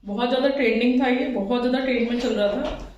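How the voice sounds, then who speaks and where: A woman's voice: on the high side, fairly even intonation, quick pace, a little mellow, muffled recording. A woman vlogger chatting casually to her viewers while unboxing something at home. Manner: chatty, addresses viewers directly. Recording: echoey room with background noise.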